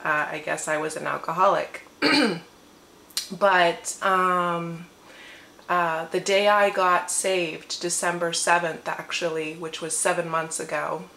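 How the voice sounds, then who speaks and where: A woman's voice: deep voice, vocal fry, bright, forceful tone, slight background noise. A woman vlogging a rambling personal testimony at home in her morning voice. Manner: long-winded, rambling. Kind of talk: casual personal testimony to camera. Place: her living room at home. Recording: roomy echo with faint ambience.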